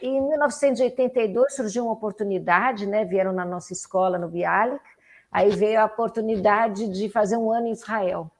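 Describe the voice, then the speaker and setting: Brazilian-accented woman, 50s, podcast guest; lively storyteller who restarts often. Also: mid-range voice, fairly quick. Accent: Brazilian Portuguese. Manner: animated storyteller, many restarts and fillers. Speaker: interview guest, political activist. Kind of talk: casual conversational interview.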